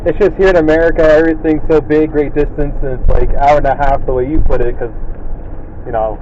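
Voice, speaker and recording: A man's voice: a little high, fairly even intonation, fast. A man from Europe on a solo trip, joking wryly and laughing as he chats on a van tour, captured on old camcorder tape. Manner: wry, joking, laughs often. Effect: old camcorder tape recording. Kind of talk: casual chat with a tour guide. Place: inside a moving van. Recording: lo-fi camcorder tape with loud vehicle noise.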